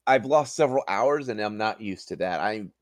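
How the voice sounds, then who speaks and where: A man voicing a confused young male paladin noble, speaking slowly and haltingly. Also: fairly low pitch, animated, no room sound, clean studio sound, close to an everyday voice. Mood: earnest. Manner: slow, halting, dazed.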